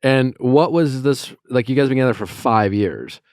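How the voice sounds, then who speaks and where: In clean studio sound with no echo, a man speaks at medium pitch and normal speed, his tone a little mellow. Hosting a podcast in a casual mediation chat, he directly summarizes each caller's side of their disagreement and steers the talk right to the point.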